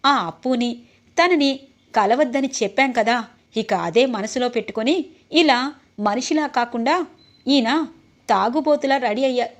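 A woman voicing a sharp-tongued young wife who taunts her husband and his family. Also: fairly high pitch, normal speed, pauses often, natural voice. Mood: taunting. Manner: taunting, defiant.

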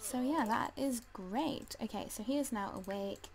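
A woman's voice: a little high, moderate pace, a little mellow, slight background noise, rough recording. A woman casually commenting as she plays a life simulation game, chatty and hesitant, full of ums, and talking to the game characters. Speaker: let's play gamer.

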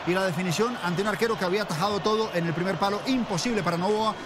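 A man analyses a football match in a high voice at a quick pace. He explains tactics with emphasis. There is clear stadium noise behind the broadcast. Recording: broadcast over noisy stadium ambience.

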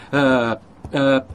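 Earnest young groom, rapid and eager, slight hiss behind the voice. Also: male voice, medium pitch, vocal fry. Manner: rapid excited guessing. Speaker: groom guessing a mime. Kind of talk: dubbed film acting.

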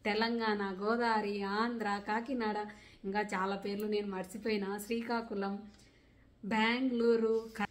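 A young woman from Rayalaseema with a Rayalaseema Telugu accent, answering viewer questions in a casual vlog in an earnest, rustic village way of talking. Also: fairly high pitch. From Rayalaseema, India. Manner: earnest, rustic village dialect, defends herself plainly. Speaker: vlogger.

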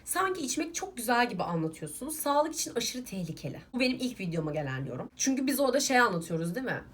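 A woman's voice: on the high side, big pitch swings, fast, a little hiss or hum. A young woman vlogger, casually ranting at viewers while doing her makeup, irritated and emphatic. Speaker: beauty vlogger.

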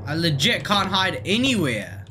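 A woman giving horror game commentary, jumpy and slangy, breaking into loud exclamations. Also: lowish voice, big pitch swings, a little slow, background noise. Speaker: gaming YouTuber.

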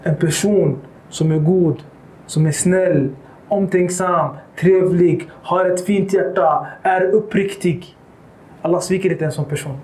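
A man giving a religious lecture, animated and acting out quoted dialogue, with Arabic quotations mixed in. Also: high voice, reverberant. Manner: mixes Arabic quotations into Swedish. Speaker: Islamic lecturer. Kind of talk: lecture on the life of the Prophet.

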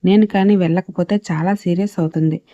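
Casting: woman playing an anxious young doctor in an audio story, quick and brisk, warm dark tone. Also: sits high, steady tone, no room sound, muffled recording, natural voice. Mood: hurried. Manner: hurried, brisk.

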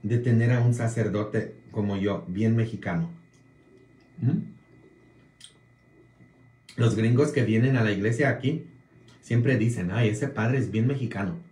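Polish-born male priest, casual viewer talk, very slow, roomy echo, keeps tossing in "mm?" checks. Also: fairly low pitch, a little mellow. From Poland. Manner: slow, drawn-out delivery with frequent "mm?" tag questions.

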